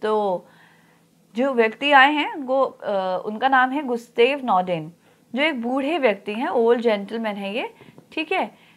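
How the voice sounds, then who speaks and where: A woman teacher explaining an English story in Hindi, reading the English lines slowly and then explaining them. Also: on the high side, animated.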